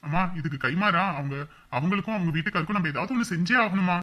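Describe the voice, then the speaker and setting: Guy doing a calm grown son, fast talker, bright voice. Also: sits high. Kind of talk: family drama acting.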